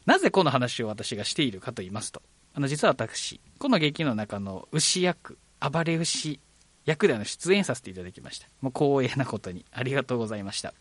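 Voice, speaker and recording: A man's voice: mid-range voice, very animated, fairly quick, fairly bright tone, dry recording. A man hosting a live local radio talk show, polite and chatty with frequent fillers. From Kagoshima, Japan.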